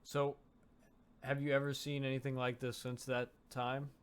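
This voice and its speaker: A man's voice: medium pitch, level tone, moderate pace, clean tone. A man hosting an interview, asking short questions and giving brief reactions. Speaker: host interviewer. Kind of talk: casual interview.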